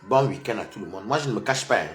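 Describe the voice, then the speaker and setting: A man's voice: expressive, fast talker, soft background music. Taunting man ranting in an echoey room. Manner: taunting, repetitive, mocking, switching between loud outbursts and low mutters. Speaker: social media commentator. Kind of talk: confrontational online rant.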